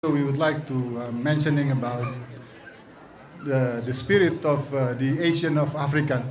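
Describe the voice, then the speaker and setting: A man's voice: medium pitch, fairly even intonation, darkish tone. Guy, middle voice, lots of uh and restarts, festival interview. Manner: halting, many restarts.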